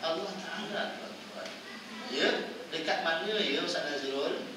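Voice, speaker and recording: A man with a Malaysian Malay accent giving a lively, playful religious lecture in a prayer hall, often quizzing his audience. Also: fairly high pitch, unhurried. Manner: playful, quizzes audience, acts out wives' voices. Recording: echoey hall, distant mic, noisy.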